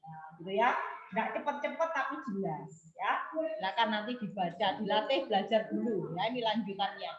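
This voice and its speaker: A woman teacher giving an online class, explaining slowly and repeating each point. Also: mid-range voice, expressive, a little hiss or hum. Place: home room, video call. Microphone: video call. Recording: roomy, dull lo-fi video call.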